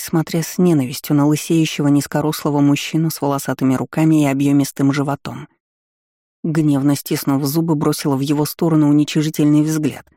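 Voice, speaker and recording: A man reading a first-person audiobook in measured, even storytelling. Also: a little high, dry recording, clean studio sound. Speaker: audiobook reader.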